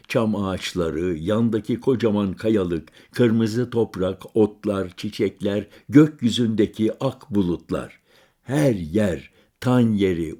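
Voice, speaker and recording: A man narrating a literary story in the first person, calm and measured, lingering over lists. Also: lowish voice. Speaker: audiobook narrator.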